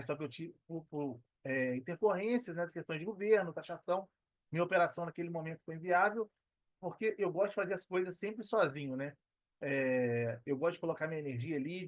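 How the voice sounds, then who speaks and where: A Minas Gerais accent colors the Brazilian Portuguese of this man in his thirties, whose voice runs on the high side. He talks casually as an interview guest on a podcast, where he's introduced as a personal trainer and affiliate marketer. The recording is dry, dull, and lo-fi.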